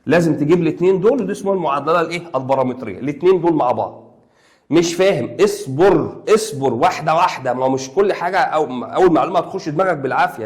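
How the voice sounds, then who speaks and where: A young man with an Egyptian Arabic accent, teaching a math lesson online in a playful, coaxing way and talking to his students like friends. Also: on the high side. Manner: rapid, playful and coaxing, talks to students as pals.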